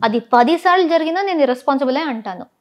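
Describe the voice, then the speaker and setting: A woman with a high voice speaks as a guest in an interview. She recounts her time as a reality show contestant with emphatic indignation. She often slips English phrases into her speech. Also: expressive, quick pace.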